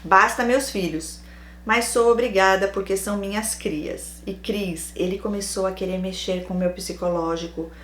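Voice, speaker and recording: A woman's voice: mid-range voice, normal speed, hardly any pauses, slight background noise. A woman with a Brazilian accent, hosting and reading a listener's personal story aloud, acting out quoted lines and adding wry asides. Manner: animated, acts out quoted lines, adds wry comments. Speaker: host reading a listener's letter. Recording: roomy echo.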